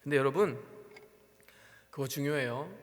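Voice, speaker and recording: A man's voice: mid-range voice, normal speed. A male pastor preaching a sermon to young adults in a church, acting out quoted prayers with sighs and laughter. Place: church sanctuary. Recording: long hall reverb.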